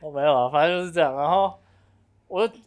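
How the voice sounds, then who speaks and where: A man's voice: fairly high pitch, quick pace. A man, co-hosting a casual podcast chat, laid-back and laughing often. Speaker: podcast co-host.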